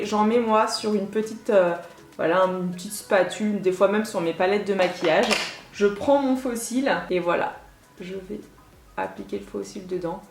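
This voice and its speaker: A woman beauty vlogger giving a chatty makeup tutorial straight to her viewers, with offhand asides. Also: mid-range voice. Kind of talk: makeup tutorial talking to camera. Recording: roomy echo.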